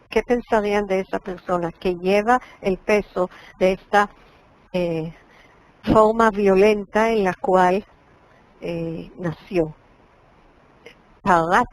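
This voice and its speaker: Slow, patient woman lecturing. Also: medium pitch, a little hiss or hum, low-quality recording. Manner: explanatory, slows to spell out pronunciations, frequent "eh" pauses. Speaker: Bible studies lecturer. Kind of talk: lecture on Hebrew names.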